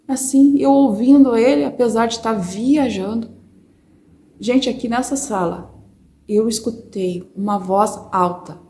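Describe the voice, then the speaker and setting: A woman with a Brazilian Portuguese accent, telling her personal faith testimony to viewers in an expressive, chatty way from a corner of her home. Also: on the high side, slight background noise. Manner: expressive storyteller, addresses viewers as brothers. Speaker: testimony speaker. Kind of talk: personal religious testimony, casual.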